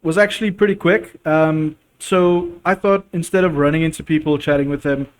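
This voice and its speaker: A man's voice: on the high side, steady tone, normal speed. A man hosting a let's play, talking in a chatty, casual way with fillers and laughs. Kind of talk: casual game commentary.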